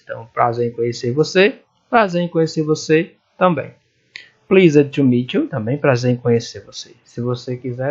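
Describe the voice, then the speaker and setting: A man with a Brazilian Portuguese accent teaching an English lesson, explaining slowly and repeating phrases as he checks that the students follow. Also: a little high, lo-fi sound. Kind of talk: recorded classroom lesson.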